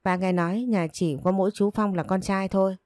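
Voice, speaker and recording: A woman playing a gentle middle-aged father. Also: medium pitch, steady tone, brisk, no room sound, natural voice.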